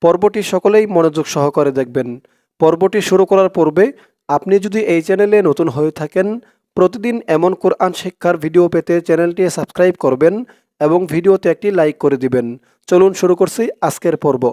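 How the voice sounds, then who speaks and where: A man from Bangladesh, teaching Quran reading by breaking words into syllables and chanting verses slowly. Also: sits high, mellow, no echo, studio quality. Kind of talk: slow step-by-step recitation lesson.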